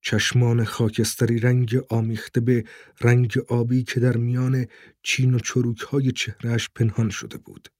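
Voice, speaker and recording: Husky man reading an audiobook. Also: medium pitch, little pitch movement, a little mellow, dry recording, studio quality. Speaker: audiobook narrator. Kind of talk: scripted narration.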